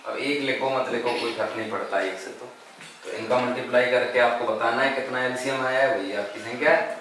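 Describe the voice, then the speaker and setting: A man's voice: mid-range voice, fairly even intonation, fairly quick, fairly bright tone. A male math teacher, working through sums on the board and reciting times tables aloud as he asks his class questions and answers them himself. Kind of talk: board lesson. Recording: echoey room, mic far off, noisy.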